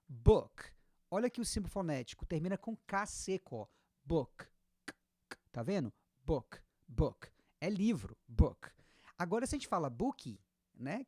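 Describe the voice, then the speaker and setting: A woman with a Brazilian accent giving a casual online English lesson, explaining patiently and repeating example words slowly. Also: medium pitch, darkish tone, no room sound, clean studio sound. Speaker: English teacher.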